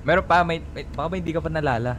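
A man's voice: a little high, fast talker, fairly bright tone, slight background noise. A young man joking and teasing in a casual game role-play chat, often bursting into laughter.

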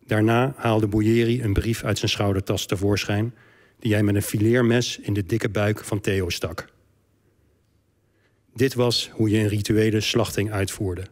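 A man, an author, reading a passage from his biography aloud on stage in a debate hall, in a measured, calm storytelling manner. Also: on the low side.

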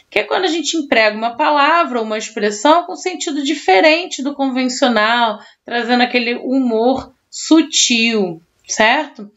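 A woman's voice: a little high, dull audio. A woman teacher, giving a recorded online class and explaining patiently, checking in with her students often.

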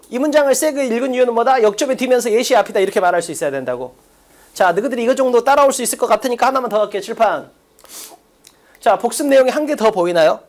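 A woman lecturer with a fairly high voice runs an online exam-prep class. She talks briskly and drills her points, firing off short check-questions. She slips into casual, chatty asides between points. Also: darkish tone.

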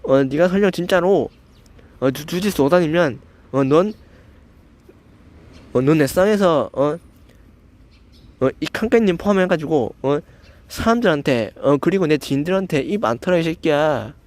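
A man's voice: fairly high pitch, lively intonation, normal speed, long pauses, a little mellow. Stammering young man ranting angrily. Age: young adult. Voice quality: stammers, slightly slurred pronunciation. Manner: confrontational, swearing, constant filler "eo". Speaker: channel host. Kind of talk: angry rant at a commenter.

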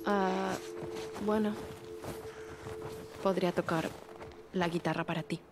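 A woman's voice: on the low side, fairly even intonation, slow, over music. A woman with a Latin American Spanish accent playing a guarded, dry young survivor in a naturalistic video game dub. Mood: reserved, wry.

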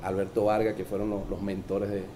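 Man, venezuelan accent, casual anecdotes, acts out quotes, mellow tone. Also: lowish voice, brisk, a little hiss or hum. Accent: Venezuelan Spanish. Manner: animated, acts out the people in his stories with a raised voice. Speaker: former baseball player, guest. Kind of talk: casual storytelling.

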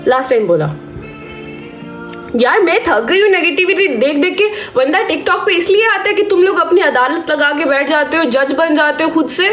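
A woman with a hoarse, sore-throated voice delivering a stern warning rant to her live-stream viewers, scolding them and asking "okay?" after each point. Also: sits high, fairly bright tone. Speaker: social media creator on a live stream.

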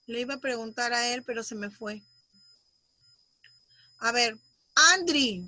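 A woman teaching young children in an online class over a video call, patiently sounding out syllables and using gentle diminutives. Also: a little high, a little slow. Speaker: primary school teacher.

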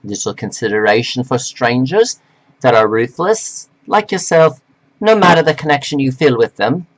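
A man delivering a slow, preachy, scolding monologue to men, reading from notes with sudden jumps in pitch. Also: expressive, poor audio. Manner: reads from notes. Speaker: self-styled life coach addressing men. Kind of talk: lecturing monologue to camera.

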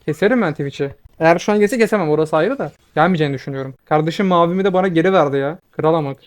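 Fast-talking young man gaming commentary. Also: a little high. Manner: fast excitable commentary, swearing in frustration. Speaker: gaming video creator. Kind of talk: live gameplay commentary.

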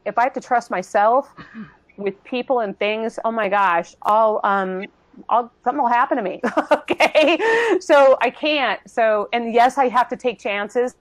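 A woman giving an earnest, emotional personal testimony in a panel talk, halting with many restarts and acting out other people's voices. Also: a little high, no room sound, low-quality recording.

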